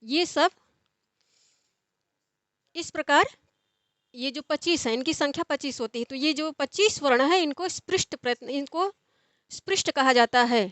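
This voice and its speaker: A woman's voice: sits high, moderate pace, pauses often, a bit bright, no room sound. A young woman teaching Sanskrit grammar in an explanatory lecture, repeating and rephrasing points as she goes. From India. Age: young adult.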